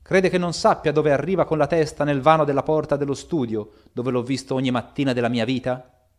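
A man's voice: lowish voice, lively intonation, moderate pace, darkish tone, natural voice. A man voicing an elderly, frightened and loyal male butler in a spoken audiobook, with an urgent, pleading delivery.

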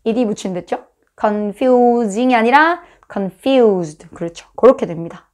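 Lively Busan woman teaching English. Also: on the high side, unhurried. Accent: Busan Korean. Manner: lively, chatty, dramatizes examples with sound effects. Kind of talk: casual online English lesson.

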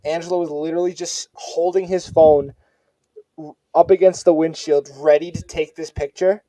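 A man's voice: a little high, fairly even intonation, moderate pace, warm tone, no echo. A young man hosting a podcast, chatting casually and slangily with his friends. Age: young adult. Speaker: podcast host. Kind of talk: casual chat among friends.

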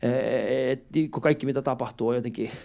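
A man performing a stand-up comedy set live in a club, telling a story in an animated way, acting out other people and swearing often. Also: mid-range voice, creaky. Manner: animated storytelling, acts out taxi drivers; frequent swearing and filler words. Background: audience laughter.

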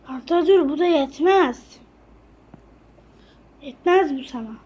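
A woman's voice: high-pitched, slow, darkish tone, muffled recording, a little hiss or hum. A woman voicing a cruel, bossy stepmother who barks harsh, mocking orders in a game role-play.

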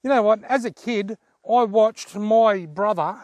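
An Australian man in his forties, hosting a fishing vlog, talks effusively and casually to camera while standing on a dirt track in the bush. His voice is high with a darkish tone, he's unhurried, and there's no room sound.

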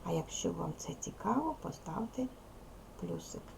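A woman teacher leading a lesson for young children, speaking slowly and repeating key words. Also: medium pitch, expressive, gravelly, noisy background. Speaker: primary school teacher. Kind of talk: teaching a second-grade language lesson.

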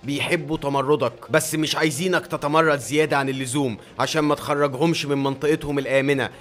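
A man's voice: a little high, steady tone, fast, a bit bright, soft background music, natural voice. A man with an Egyptian Arabic accent voicing an arrogant, mocking villain from the future who owns the heroes. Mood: smug. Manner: smug, mocking and condescending. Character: arrogant male time-travelling tycoon villain, gloating.

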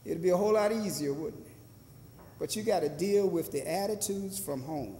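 A man's voice: sits high, normal speed, warm tone, a little hiss or hum. An older man preaching a sermon from the pulpit in a small church, drawing answers from the congregation and rising to fervent emphasis. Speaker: pastor. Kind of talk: sermon with call and response. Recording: echoey church hall.

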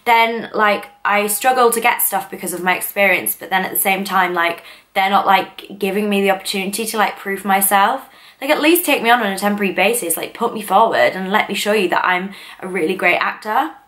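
A woman's voice: medium pitch, fairly quick, a bit bright. A woman in her twenties from northern England, chatting casually and rambling to camera in a vlog, full of fillers. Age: 20s. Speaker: vlogger.

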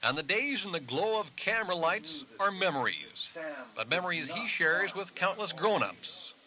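A man narrating a television feature as a field reporter, measured and wry. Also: high voice, very animated, crowd noise, low-quality recording. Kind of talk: scripted narration.

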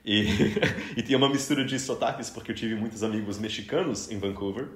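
A Brazilian man in his thirties hosts a casual podcast interview with a guest, his voice on the low side and a little fast. He's chatty, laughs easily, and often restarts his sentences, all in an echoey room.

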